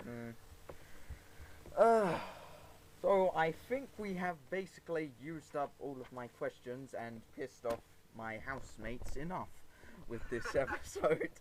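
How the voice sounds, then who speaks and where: Slow-talking male podcast host. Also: mid-range voice, animated, a little hiss or hum, rough recording. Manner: unhurried, jokey, laughs often. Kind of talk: casual interview chat.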